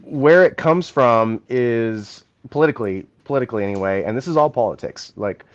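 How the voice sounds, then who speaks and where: A man's voice: medium pitch, moderate pace, muffled recording. A man co-hosting a podcast, talking through a political topic in long, thinking-aloud explanations in a casual chat. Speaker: podcast co-host.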